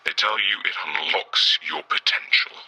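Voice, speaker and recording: In an audio drama, a male actor plays a bitter, worn-out former test subject giving a guarded, halting interview. He uses a full character voice that is low, husky, rough and sharp in tone, sounding bitter and weary, and the audio quality is poor.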